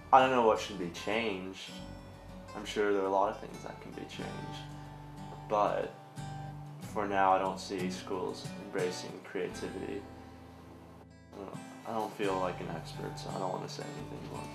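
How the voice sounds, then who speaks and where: A man's voice: low voice, creaky, roomy sound. A young man telling his story in a documentary interview with dry, sarcastic humor. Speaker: student interviewee.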